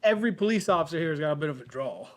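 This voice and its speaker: A high-voiced young man hosting a relaxed podcast, telling stories with lots of jokes and energy. His talk is casual and lively, with plenty of asides to his friends. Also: racing. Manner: animated, joking, tells stories with put-on voices. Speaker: podcast host. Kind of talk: casual chat, storytelling.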